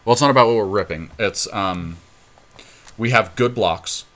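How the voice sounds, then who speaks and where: Talking through every move of a card game, this podcast co-host is analytical, relaxed with his language, and drops casual curses. His voice sits on the low side, slightly bright, at a moderate pace.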